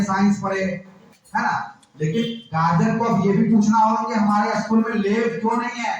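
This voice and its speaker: Man w quizzing the crowd, high voice, mic far off, huge echo. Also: muffled recording. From Jharkhand, India. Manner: keeps firing rhetorical questions at listeners. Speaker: activist speaker. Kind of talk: public address to a gathering. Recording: very echoey room, distant mic, faint noise.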